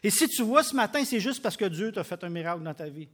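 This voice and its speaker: A man with a Québécois French accent preaching a sermon, emphatic, with loud bursts and quiet drops. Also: sits high, expressive, fast talker. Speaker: pastor.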